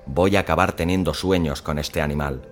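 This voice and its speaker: Deep-voiced man narrating a suspense story. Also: brisk, soft background music. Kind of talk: first-person story narration.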